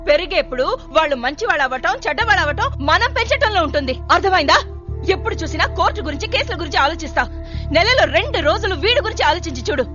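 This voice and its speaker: A woman's voice: extremely high pitch, bright, forceful tone, lo-fi sound, full character voice. An actress playing a feisty mother who scolds her husband in defence of her son, in a dubbed film drama. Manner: spirited, scolding.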